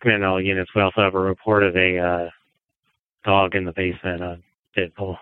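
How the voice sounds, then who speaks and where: A man plays a fire incident commander, directing crews over the radio in a businesslike way. His deep voice shows little pitch movement and runs a little fast. Slight background noise sits under the narrow, phone-like radio sound.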